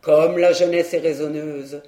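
A reader voicing a gruff, swearing old country squire in an audiobook, speaking loud and boastful. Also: medium pitch, fairly even intonation, unhurried, pitched below the performer's own voice, natural voice. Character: blustering old Breton country squire, the uncle. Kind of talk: audiobook character voice.

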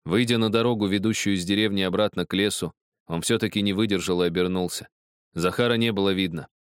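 A man reading a novel aloud as narrator, measured and expressive. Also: low voice, clean tone, dry recording, clean studio sound. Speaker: audiobook narrator. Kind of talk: scripted narration.

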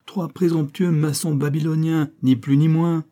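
A man voicing a sardonic middle-aged clergyman with a nasal, abrupt, mockingly solemn delivery, pitched a little above his own reading voice. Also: normal speed, dark tone, close to an everyday voice.

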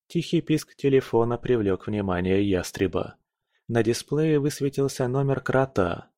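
A man narrating an audiobook in a calm, measured reading. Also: mid-range voice, no room sound, studio quality. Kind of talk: scripted narration.

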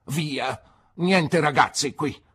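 A woman's voice: wildly swooping pitch, moderate pace, breathy edge, full character voice. A woman reading an audiobook aloud and voicing a stern, eccentric elderly aunt who barks her orders. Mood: fierce. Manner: shrill, commanding outbursts.

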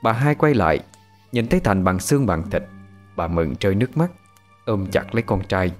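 A man narrating a ghost story in a measured, dramatic way. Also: lowish voice, animated, faint music behind.

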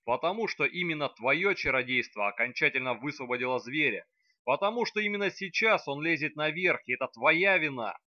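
Dude doing a blunt angry young necromancer, pushy and loud-ish, storybook vibe. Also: male voice, medium pitch, animated, normal speed, no echo, muffled recording. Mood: heated. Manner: curt, insistent.

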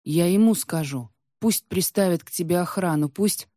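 A woman's voice: on the low side, normal speed, mellow, no room sound, clean studio sound, lightly acted. A woman voicing an anxious, lovesick male werewolf who speaks hesitantly and pleadingly in a storybook reading.

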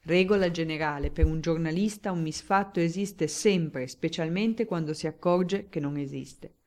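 A woman voicing a talkative, flattering male newspaper journalist in an audiobook, speaking in a glib, declamatory way. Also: deep voice, normal speed, close to an everyday voice. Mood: eager. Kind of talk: audiobook character reading.

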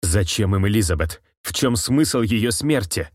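A man's voice: on the low side, lively intonation, a little slow, no echo, studio quality. A man voicing a young male monster hunter, urgent and emotional. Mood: desperate.

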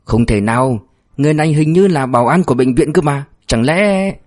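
A man voicing an excitable, brash young male police cadet who blurts out questions. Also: a little high, quick pace. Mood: disbelieving. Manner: eager, blurting.

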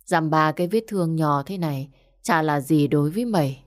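A woman narrating a story in a steady, measured way. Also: low voice.

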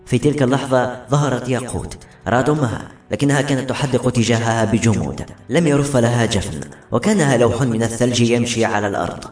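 A man narrating a fantasy novel as an audiobook in brisk, dramatic storytelling. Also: mid-range voice, a little mellow. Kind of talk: scripted narration. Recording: roomy echo, faint music behind.

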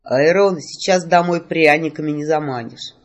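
A woman reading aloud and voicing a dry, sardonic young woman in a lowered, matter-of-fact tone. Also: moderate pace, natural voice.

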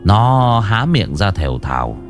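A man's voice: lowish voice, sing-song, measured pace, over music. A man narrating a ghost story with dramatic, rising and falling delivery.

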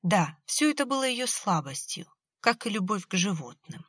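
A woman reading an audiobook in an even, measured scripted narration. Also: mid-range voice, slightly rough, no echo, studio quality.

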